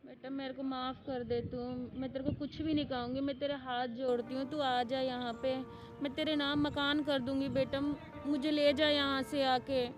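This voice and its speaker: Brief: desperate elderly mother-in-law, played by a woman, monotone high voice, music bed. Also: moderate pace, lightly acted. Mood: pleading. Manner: begging, tearful pleading. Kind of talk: staged family drama.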